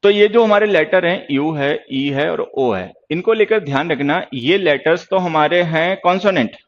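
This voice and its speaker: Stern Hindi-speaking teacher, lo-fi sound. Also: male voice, fairly high pitch, normal speed. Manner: stern, lecturing, calls viewers "bachche". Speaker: English teacher. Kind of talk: online class, explaining grammar and answering chat.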